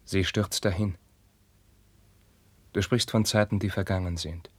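An actor playing a young prince torn by forbidden love, declaiming classical verse with passion and dropping into hushed whispers. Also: male voice, low voice, fairly even intonation, unhurried, slightly rough, dry recording. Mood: wistful. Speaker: actor in a radio play. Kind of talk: classical verse radio drama.

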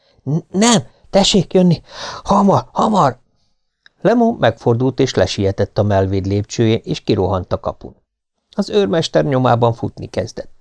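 A man reading an adventure novel aloud as an audiobook narrator, at a steady, measured pace. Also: mid-range voice, no room sound.

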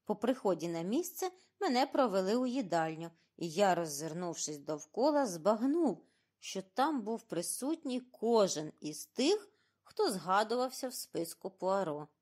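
Woman narrating an expressive audiobook. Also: medium pitch, unhurried. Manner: expressive, animated reading.

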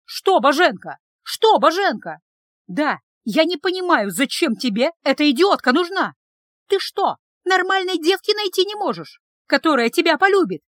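Woman putting on a shrill young village woman, high, loud, yelling, very lively, dry sound. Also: normal speed, no echo, exaggerated voice. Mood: furious, shrill. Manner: shrill and shouting. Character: furious young village woman, fierce sister.

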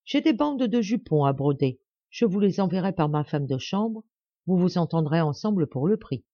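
A woman's voice: lowish voice, expressive, normal speed, dark tone, dry recording, highs cut off. A woman doing a sneering young noblewoman. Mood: mocking. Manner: sneering, falsely sweet. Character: haughty young noblewoman, mocking and spiteful.

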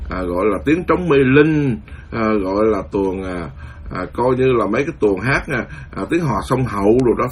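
A Buddhist monk giving a lively storytelling sermon, acting out the voices of the people in his story. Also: fairly low pitch, a little hiss or hum. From Vietnam. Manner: animated, acts out quoted voices, laughs at his own story. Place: lives in the US, speaking to followers.

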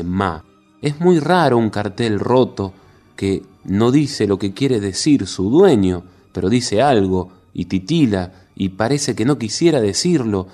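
A man's voice: fairly low pitch, a little mellow, pitched below the performer's own voice. A man voicing an anxious young woman on a train, musing in spiraling, worried thoughts.

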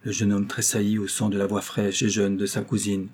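Man reading a classic novel aloud, even and literary, warm husky voice. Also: on the low side, brisk. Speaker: audiobook reader. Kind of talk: scripted narration of a classic novel.

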